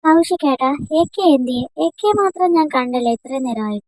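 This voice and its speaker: Lively first-year college girl in an amateur dub drama, voiced by a young woman: squabbling, high-pitched. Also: no echo. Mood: chatty. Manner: quick-tongued, squabbling. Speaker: fan dub voice actor. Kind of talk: amateur dubbed romance drama.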